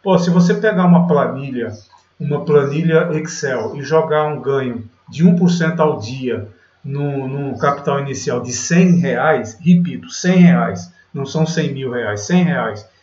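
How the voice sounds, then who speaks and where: A man's voice: medium pitch, a little slow, a little mellow. Chatty man on a roomy lo-fi mic. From Brazil. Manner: chatty, filler-heavy, keeps saying "galera" and "né". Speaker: day trading channel host. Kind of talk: screen-share market commentary. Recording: roomy, distant, dull lo-fi mic.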